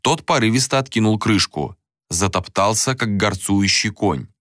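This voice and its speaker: Male narrator, low voice, measured dramatic reading, dry close sound. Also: fairly bright tone, dry recording. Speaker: audiobook narrator. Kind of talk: scripted narration.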